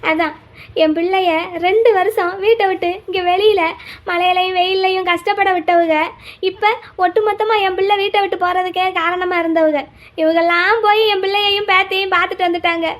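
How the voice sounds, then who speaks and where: A woman's voice: extremely high pitch, fairly even intonation, fairly quick. A woman voicing an older mother, tearful, stubborn and resentful. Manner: plaintive and resentful.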